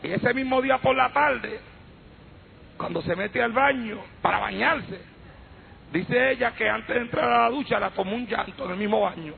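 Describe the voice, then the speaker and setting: Man, Pentecostal preacher, fervent, shouted praise, faint hiss, tinny old radio sound. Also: very high-pitched, moderate pace, vocal fry.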